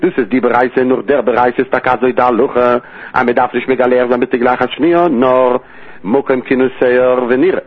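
A man's voice: mid-range voice, fairly even intonation, normal speed, slightly rough. A man giving a Talmud study lesson, his phrases lifting and falling in a sing-song study cadence. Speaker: Talmud teacher. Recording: tinny phone-line audio.

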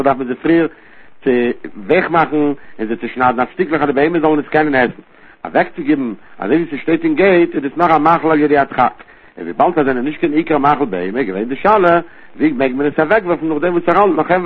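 A man teaching a Talmud study lesson with a rapid, rising and falling study cadence. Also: medium pitch, slightly rough. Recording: tinny phone-line recording.

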